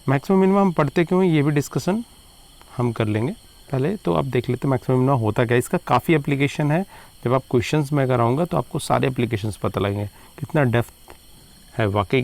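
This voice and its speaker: A man teaching a math lesson, switching between Hindi and English and slowing down to repeat key terms. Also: mid-range voice, creaky, darkish tone. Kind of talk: classroom lecture.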